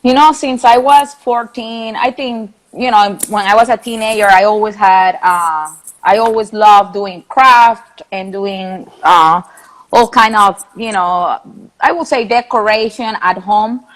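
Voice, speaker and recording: A woman's voice: mid-range voice, a little slow, low-quality recording. A woman from Venezuela, a Spanish speaker and interior designer talking in a live online interview, friendly, laughing easily, in short pieces of sentences. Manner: friendly, laughs often, talks in short fragments. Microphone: video call.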